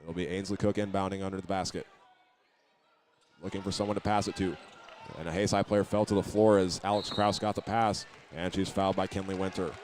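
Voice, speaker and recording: Gym noise surrounds a man calling a basketball game live from an indoor arena. His low voice shows little pitch movement and runs a little fast, with occasional stumbles or repeated words.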